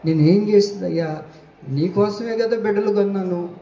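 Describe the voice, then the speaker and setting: A man's voice: sits high, moderate pace, mellow, lo-fi sound, faint music behind, pitched below the performer's own voice. A man voicing a neglected middle-aged wife who begs her husband for kind words, in an echoey room with a distant mic. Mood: pleading. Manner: plaintive, begging.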